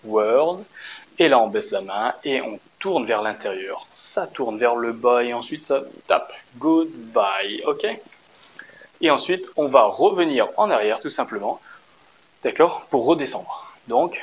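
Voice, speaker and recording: An upbeat male dance teacher walks his viewers through a routine step by step. He keeps checking in with quick little questions and counts the beats aloud. The recording sounds slightly dull, with a faint hum of room noise behind him. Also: medium pitch, lively intonation. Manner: encouraging, checks in often with short questions. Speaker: dance instructor. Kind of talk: casual dance tutorial.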